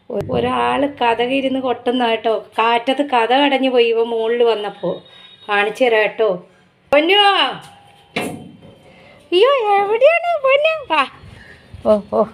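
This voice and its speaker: A woman's voice: high-pitched, slight background noise. A woman vlogging casually at home, coaxing her pet dog in baby talk and chatting to viewers. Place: home, indoors and up on the terrace.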